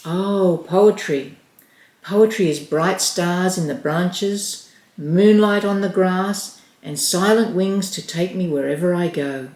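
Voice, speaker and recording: A woman voicing a gentle, wise female owl in a storybook, speaking softly and dreamily. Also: lowish voice, takes it slowly. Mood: dreamy. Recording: roomy echo.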